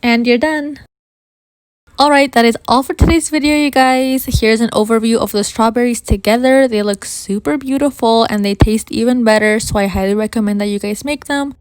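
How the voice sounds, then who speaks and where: Higher-voiced woman with a slight whistling lisp. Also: steady tone, normal speed, clear, resonant tone, no room sound. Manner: addresses viewers informally as you guys. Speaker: baking video host. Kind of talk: scripted how-to narration, friendly tutorial.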